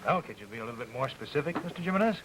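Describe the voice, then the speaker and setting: An actor playing a patient, wryly affectionate father and store manager in a 1950s drama, brisk and mildly exasperated. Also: medium pitch, animated, close to an everyday voice. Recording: noisy 1950s broadcast recording.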